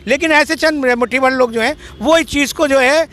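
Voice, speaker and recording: High-voiced man arguing insistently outdoors. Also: fairly quick, a bit bright. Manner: insistent, argumentative, repeats questions. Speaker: passerby in a street debate. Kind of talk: heated street argument.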